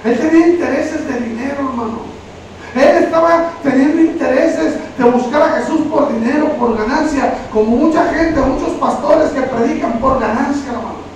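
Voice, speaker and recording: High-voiced preacher in an echoey room. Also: male voice, moderate pace, a little mellow. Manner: addresses listeners as brother constantly, retells Bible stories. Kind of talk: sermon. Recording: very echoey room, from far off, faint noise.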